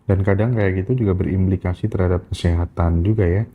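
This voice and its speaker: A man's voice: low-pitched, steady tone, fast, slightly rough. A man hosting a casual podcast chat, listening closely and answering with short agreeing murmurs. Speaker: podcast host. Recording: tinny phone-like sound.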